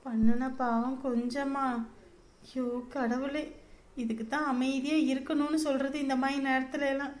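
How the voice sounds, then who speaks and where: A woman playing a concerned female relative in a comedy drama, soft and worried. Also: high-pitched, little pitch movement, normal speed, natural voice. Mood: grumbling. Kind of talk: Tamil comedy drama acting.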